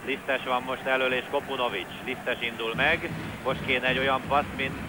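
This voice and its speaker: A man's voice: mid-range voice, steady tone. Male football commentator over noisy stadium ambience. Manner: conversational, clipped player-name calls. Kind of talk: live football match commentary. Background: stadium crowd noise.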